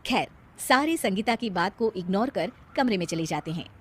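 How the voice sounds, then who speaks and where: A woman with an Indian accent narrating a cartoon tale as expressive scripted storytelling. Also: mid-range voice, moderate pace, husky.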